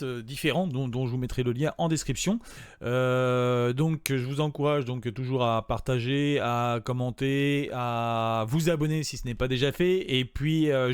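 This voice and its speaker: Man, casual tutorial presenter, hesitant, chatty, mid pitch, dry close recording. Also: clear, resonant tone, no room sound. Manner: hesitant, many fillers and restarts; chatty, addresses viewers directly.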